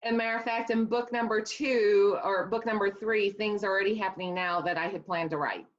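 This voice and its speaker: A brisk woman with a Midwestern accent and a mid-range, fairly even voice, guesting as an author in a casual interview. She talks earnestly about her work, rambling a little and restarting sentences. The recording sounds dull and lo-fi.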